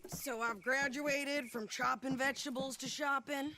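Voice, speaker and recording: An actress playing a tough young widow in an outlaw gang, blunt and scornful. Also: female voice, high voice, steady tone, a little slow, noisy background. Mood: sardonic. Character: tough, fiery frontier widow, young woman. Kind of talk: video game acting. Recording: loud game music underneath.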